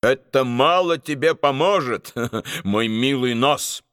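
A man's voice: medium pitch, expressive, slow, fairly bright tone, no echo, clean studio sound. A man doing a smug condescending prince.

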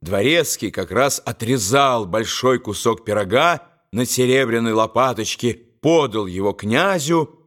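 Slow expressive man reading a fairy tale. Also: mid-range voice. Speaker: narrator.

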